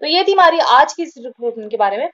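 A woman's voice: high voice, expressive, fast, highs cut off. A woman hosting a job-update channel, giving an informal voice-over explainer with frequent fillers and repeated points.

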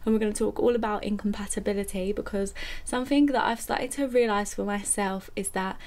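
A woman's voice: medium pitch, steady tone, a little fast, darkish tone. A young adult woman chatting casually to camera in a conversational, reflective way, repeating phrases for emphasis. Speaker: YouTuber and independent musician. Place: small furnished room at home, indoors.

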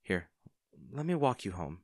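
A man with a fairly low, sing-song voice speaks a little slowly in a dry, clean studio recording. He performs a kind young barista, caring and shyly smitten, in an intimate comfort audio roleplay, using natural conversational acting that's reassuring, soft-hearted, and a little hesitant.

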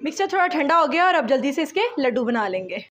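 A woman calmly talking through a home cooking recipe step by step, as a voice-over. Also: high-pitched, quick pace, some chatter behind. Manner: calm step-by-step instructions mixing English words. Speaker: home cooking channel host.

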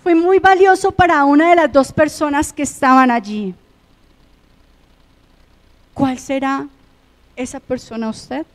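Colombian woman pastor, high voice, impassioned sermon, loud-to-hushed swings. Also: steady tone, unhurried, pauses often, in a large hall. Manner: impassioned, swinging between loud emphatic phrases and hushed ones.

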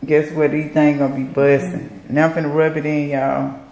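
A woman's voice: sits low, flat delivery, normal speed. A young woman chatting casually to her viewers as she seasons steaks in her home kitchen, laughing often and calling them y'all. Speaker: vlogger cooking with her boyfriend. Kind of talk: casual cooking vlog chat. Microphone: camera mic across the kitchen. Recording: echoey kitchen with loud background noise.

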